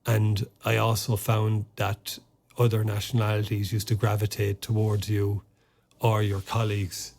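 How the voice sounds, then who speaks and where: This Irish ex-soldier, a podcast guest in a casual interview, talks a little slowly in a monotone with vocal fry. His pitch sits fairly low and his tone is darkish. He hesitates a lot, stopping and restarting with many fillers.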